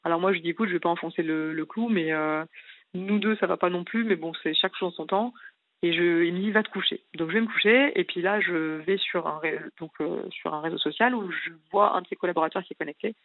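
A woman's voice: lowish voice, quick pace, no echo. Upset woman caller on a tinny phone line, rambles on with loads of detail, dry sound. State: distressed. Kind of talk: call-in radio confession.

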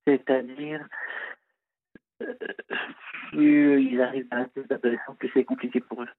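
A man's voice: mid-range voice, level tone, no echo. Man on a breaking-up phone line. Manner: halting, hesitant, with many fillers. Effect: poor phone line breaking up. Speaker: radio caller. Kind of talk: phone-in conversation. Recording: tinny phone line, dry.

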